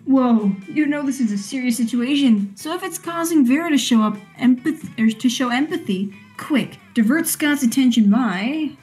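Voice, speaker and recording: A young woman narrates a video game casually among friends. Her voice is high and mellow, and she slips easily between reading and chat. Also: animated, normal speed, hardly any pauses, faint music behind. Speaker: gamer reading narration aloud.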